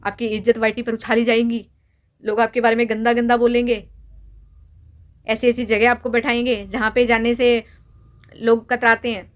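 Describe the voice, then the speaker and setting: A woman's voice: on the high side, highs cut off. A young woman vlogger lecturing and scolding someone directly to camera, repeatedly pressing her points home with rhetorical questions. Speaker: YouTube vlogger. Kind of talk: direct-to-camera opinion rant.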